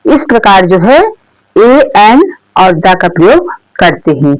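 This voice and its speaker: A woman's voice: medium pitch, sing-song, no room sound, rough recording. A patient woman teaching grammar step by step. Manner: asks questions then answers them, repeats points, frequent "okay" check-ins; says English example words slowly and deliberately. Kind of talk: explanatory grammar lesson for learners.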